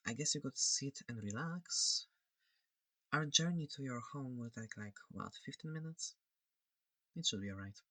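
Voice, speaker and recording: This breathy, close-miked ASMR voice belongs to a curious, courteous alien scientist, played softly with hesitation and reassurance. It is medium-pitched, animated and at normal speed, with no room sound, carrying a gentle, reassuring mood.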